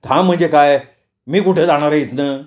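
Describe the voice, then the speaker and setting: A man's voice: a little high, fairly quick, close to an everyday voice. A man voicing a hungry, impatient young husband who talks in a bossy, sarcastic way.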